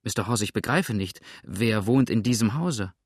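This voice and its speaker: A serious young boatman speaks with calm, measured firmness, as a male narrator gives him voice. The voice sits low and slow, recorded dry and close, and grows cold and wary rather than loud. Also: breathy edge, no room sound. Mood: astonished.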